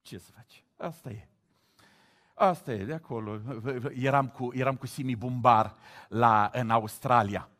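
A middle-aged man from Romania preaching a sermon, moving from quiet reflection to loud exclamations. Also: mid-range voice. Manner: animated, swings from hushed to loud exclamations.

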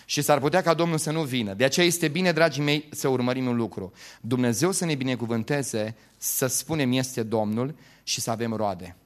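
A man preaching a sermon as pastor. He swings between loud exclamations and quiet, joking asides, and laughs with the congregation. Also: medium pitch.

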